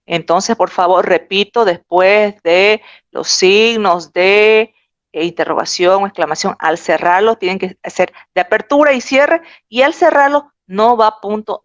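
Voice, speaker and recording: A woman's voice: mid-range voice, dry recording. A woman giving an online lecture on spelling rules, insistent and repeating her points emphatically. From Bolivia. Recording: dry, dull lo-fi recording.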